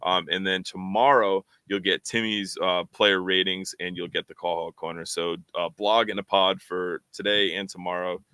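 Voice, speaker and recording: A man's voice: low voice, level tone, normal speed, hardly any pauses, sharp tone, smooth, no echo. A man co-hosting a fan podcast, chatting casually and rambling with lots of fillers and repeated words. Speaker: podcast co-host.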